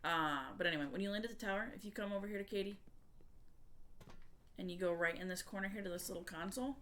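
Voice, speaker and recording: A woman's voice: mid-range voice, fast talker, fairly bright tone, slight background noise. A woman game streamer chatting casually with viewers and explaining things in a conversational way. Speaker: variety gamer and streamer.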